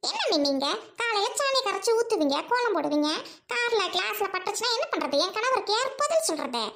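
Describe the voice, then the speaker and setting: Brief: woman plays snooty rich sister, high, sneering, whiny, village family skit. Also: big pitch swings, a little fast, fairly bright tone, a little hiss or hum, exaggerated voice. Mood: scornful. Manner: scornful, mocking, whiny. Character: haughty rich young woman snubbing her poor brother.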